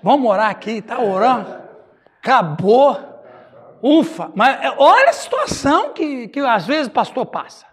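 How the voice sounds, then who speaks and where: Brazilian pastor guy telling a story, high voice, kinda husky, laughs a lot. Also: a little slow. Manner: animated, laughing, acts out dialogue. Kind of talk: storytelling during a Bible study.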